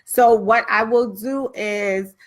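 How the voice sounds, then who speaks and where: A woman with a Brooklyn accent and a slightly husky voice, coaching viewers live in a casual, chatty way and addressing them directly. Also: fairly high pitch, fairly even intonation, slow. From Brooklyn, New York. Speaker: writing coach hosting a live session.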